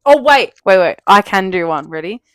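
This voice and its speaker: A woman's voice: medium pitch, lively intonation, moderate pace, no room sound, faint music behind. Giggly young woman podcaster. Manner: giggly, loud bursts of laughter, swears casually. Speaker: podcast co-host. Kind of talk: casual chat.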